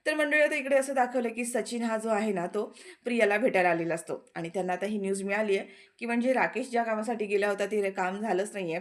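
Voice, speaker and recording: Fast-talking woman recapping a TV serial. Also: mid-range voice. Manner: quick, animated retelling with quoted lines. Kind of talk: casual episode recap retelling dialogue.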